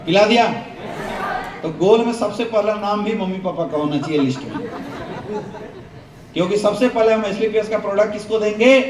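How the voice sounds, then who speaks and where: High-voiced man leading a seminar. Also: animated, normal speed, long pauses. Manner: call-and-response questions to the crowd. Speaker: sales trainer. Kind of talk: motivational seminar talk to an audience. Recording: echoey hall, mic from a distance.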